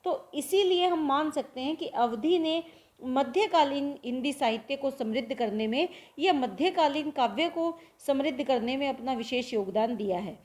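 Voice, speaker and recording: A woman teaching a lesson, explaining word examples step by step, slowing to repeat them and asking herself questions as she goes. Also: high voice, animated, darkish tone. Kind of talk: Hindi literature lecture.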